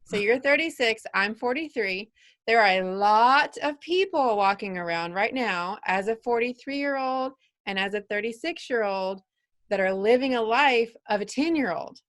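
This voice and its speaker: A woman's voice: on the high side, animated, normal speed, a bit bright. A woman in her forties hosting a podcast, talking in an earnest, coaching way and probing her guest with questions. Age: 40s. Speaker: podcast host. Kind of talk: casual interview.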